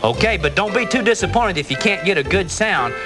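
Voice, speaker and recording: High, animated folksy cowboy. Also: male voice, brisk. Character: folksy, kindly cowboy fiddler and teacher. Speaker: fiddle-playing cowboy in a kids show. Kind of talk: children's comedy sketch acting. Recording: loud music behind.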